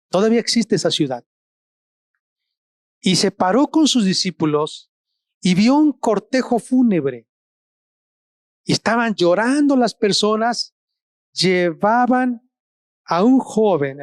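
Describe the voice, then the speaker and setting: Man, pastor, sermon, very slow deliberate phrasing, long pauses, emphatic rises and soft low drops, dry close sound. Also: no echo. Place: church service streamed online.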